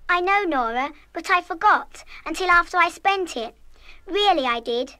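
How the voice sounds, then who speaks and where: A woman's voice: very high-pitched, expressive, normal speed, pushed and bright, full character voice. An actress playing an impulsive, good-hearted schoolgirl of about eleven in a children's radio play, with an eager, emphatic delivery. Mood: flustered, pleading. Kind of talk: 1970s full-cast children's radio play acting.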